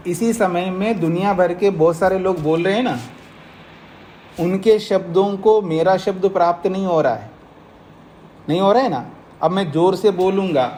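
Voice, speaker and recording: A male teacher lectures on a philosophy text. His voice sits a touch high for a man, and he works through each point patiently, stopping to check that the class follows. A faint hiss runs under the talk. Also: a little mellow. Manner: explains slowly, keeps checking the listeners follow. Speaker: teacher of Nyaya philosophy, swami. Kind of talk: Hindi scripture lecture to a class.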